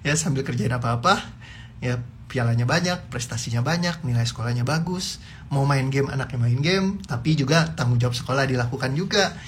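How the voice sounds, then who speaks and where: A man giving a motivational talk to parents in a chatty, animated way, laughing often and dropping in English words. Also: mid-range voice, fairly quick, slight background noise. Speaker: parenting speaker.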